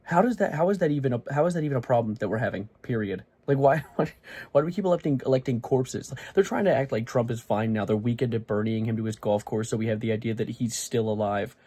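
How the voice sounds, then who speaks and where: Young male vlogger, mellow tone, close and dry, rambling sarcastic monologue. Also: medium pitch, fast, breathy edge, dry recording. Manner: rambling, sarcastic, jumps between topics. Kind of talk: casual comedic monologue. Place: small bedroom with acoustic foam.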